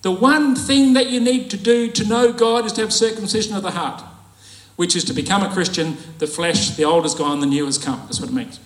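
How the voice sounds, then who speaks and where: A man's voice: high-pitched, brisk, roomy sound, low-quality recording. Jokey man preaching a sermon. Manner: conversational, jokey, laughs at his own asides.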